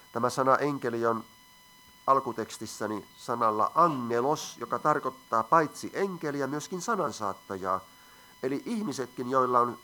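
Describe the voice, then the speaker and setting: Male preacher, crisp bright tone, teaching sermon with questions to the room. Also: medium pitch. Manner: asks the audience questions, reads scripture aloud.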